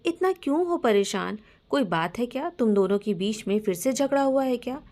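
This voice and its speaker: A woman's voice: fairly high pitch, expressive, moderate pace, darkish tone. A woman voicing a loyal young woman who earnestly defends herself to her friend. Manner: pleading, earnest.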